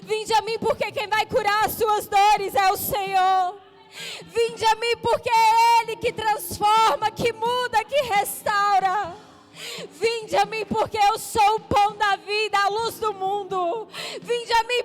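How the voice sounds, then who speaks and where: A woman pastor with a very high voice preaches an impassioned sermon at a church service. She rises to shouts and tearful pleas. Music plays behind her. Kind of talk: sermon with altar call.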